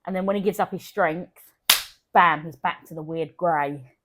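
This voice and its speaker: A woman's voice: lowish voice, moderate pace, noisy background. A woman co-hosting a film podcast in casual, enthusiastic chat, often trailing off and restarting. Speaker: podcast co-host.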